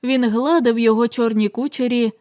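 A woman narrating a horror audiobook in a measured, dramatic storytelling manner. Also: on the high side, steady tone, dark tone. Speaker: audiobook reader.

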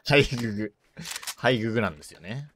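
A woman live-streaming a shooter game in casual chat, rough and tough-talking, joking, reacting loudly to the game and greeting viewers. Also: a bass voice, fairly quick, a little hiss or hum.

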